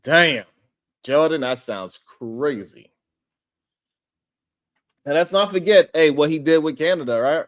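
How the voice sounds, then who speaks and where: A man's voice: a little high, expressive, takes it slowly, long pauses. A man hosting a casual livestream, talking loosely and rambling as he greets viewers in the chat and chuckles often.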